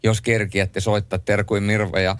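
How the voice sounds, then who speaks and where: A man hosting a late-night radio show in a studio, chatting and joking lively and reading listener messages aloud. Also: lowish voice, clean tone, no room sound. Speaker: radio host. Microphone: studio microphone.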